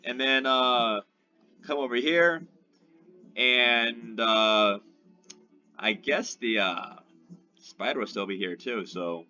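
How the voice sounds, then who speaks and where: A man's voice: mid-range voice, slow pace, long pauses, sharp tone. A man giving rambling gameplay commentary as a gaming YouTuber, often checking in with "right?". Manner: rambling, keeps asking "right?". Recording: dull lo-fi sound with faint music.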